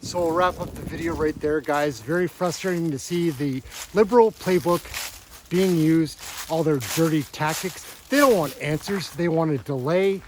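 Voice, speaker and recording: A man's voice: fairly high pitch, normal speed, a little mellow, slight background noise, poor audio. A man commentating on a political clip, blunt and mocking. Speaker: video commentator. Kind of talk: casual commentary.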